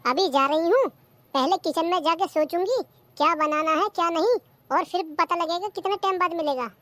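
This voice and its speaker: A performer voicing a lazy, cheeky young daughter-in-law in a cartoon comedy, who answers back. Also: female voice, extremely high pitch, normal speed, fairly bright tone, slight background noise. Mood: sulky.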